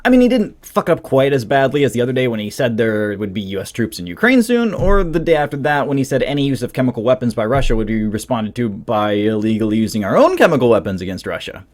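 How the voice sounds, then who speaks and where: A man's voice: mid-range voice, big pitch swings, quick pace, few pauses, darkish tone. A man hosting a political commentary show, delivering a scripted monologue with sarcastic, mocking asides.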